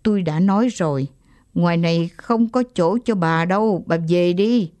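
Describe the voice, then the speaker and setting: A woman's voice: lowish voice, unhurried, mellow, no room sound, close to an everyday voice. A bitter, stubborn old grandfather in an audiobook story, read by a woman narrator. He speaks curtly and sternly, holding his ground. The recording is close and dry. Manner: stern and curt.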